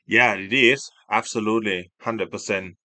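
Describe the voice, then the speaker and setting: A man chatting casually as a video host, giving his opinions in a halting, emphatic, repetitive way. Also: fairly low pitch, steady tone, pushed and bright, dry recording. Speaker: host of a self-recorded video.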